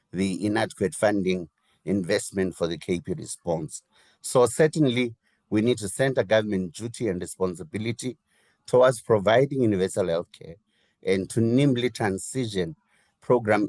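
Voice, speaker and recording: A man's voice: lowish voice, darkish tone, no room sound. Groggy man presenting. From Zimbabwe. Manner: measured, listing points with small restarts. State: groggy, coming down with flu. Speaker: health program advisor presenting. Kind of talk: webinar presentation.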